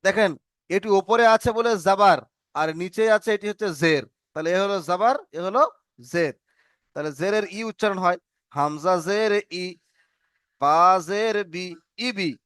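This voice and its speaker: A man teaching an Arabic reading lesson, slowly drilling letters and syllables in call and response. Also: high-pitched, fairly bright tone, clean tone, no echo, clean studio sound.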